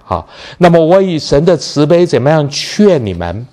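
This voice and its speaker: A man preaching with a warm, mellow tone and a lively, rising-and-falling delivery. He asks his listeners questions and then answers them himself. He stretches out the key phrases he wants to stress. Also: a little high, normal speed. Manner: opens sentences with a habitual filler word. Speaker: pastor. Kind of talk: sermon.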